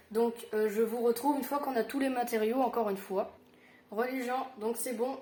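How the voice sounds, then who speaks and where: Chatty woman with a high voice. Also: darkish tone, roomy sound, slight background noise. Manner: chatty, halting, many fillers and self-corrections. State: tired. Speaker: Minecraft tutorial youtuber. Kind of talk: casual gaming tutorial.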